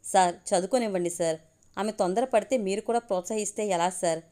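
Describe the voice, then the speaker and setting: A composed woman with a dry, wry edge asks pointed questions, as a woman reads her lines in a storybook reading. The voice stays at a middle pitch and keeps a plain tone. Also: brisk, mellow, lightly acted. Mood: questioning.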